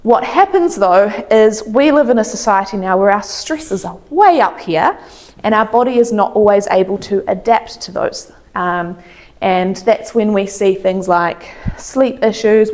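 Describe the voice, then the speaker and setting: Female chiropractor, medium pitch, informal explainer style, plain-language health presentation. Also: a little slow. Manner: explains in simple everyday terms. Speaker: chiropractor giving a health talk.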